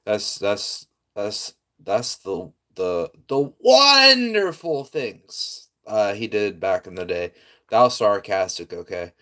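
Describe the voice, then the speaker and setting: A man's voice: low voice, steady tone, measured pace. A man hosting a casual reaction video, talking in a rambling, incredulous way and often laughing.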